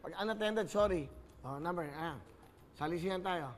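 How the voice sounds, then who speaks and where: A man hosting a live phone-in game show, his voice pitched fairly high for a man. He talks loudly and urgently, coaxing callers to stay on the line. The studio rings with a long hall reverb. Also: normal speed.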